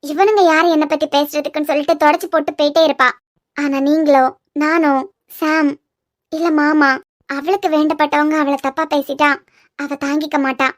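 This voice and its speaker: Brief: woman playing a pert cartoon wife with a Kanyakumari accent, very high squeaky voice, dry close mic. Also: little pitch movement, no echo, natural voice. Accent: Kanyakumari Tamil. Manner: pert, quick to argue. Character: young wife, sharp-tongued and protective. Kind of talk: cartoon web series voice acting.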